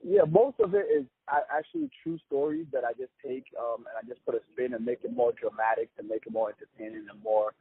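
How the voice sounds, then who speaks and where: Young man from Ghana, easygoing comedian guest, gravelly husky voice, tinny phone sound. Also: mid-range voice, animated, brisk, hardly any pauses, no echo. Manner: easygoing, upbeat, chatty with fillers. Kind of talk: casual interview.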